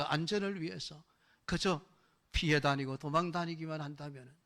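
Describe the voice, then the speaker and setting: A pastor with a fairly high voice, preaching a sermon to the congregation. He keeps asking rhetorical questions to pull the listeners in. Now and then he pushes his voice up sharply on key phrases to stress them. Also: fairly bright tone. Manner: emphatic, rising in force on key phrases.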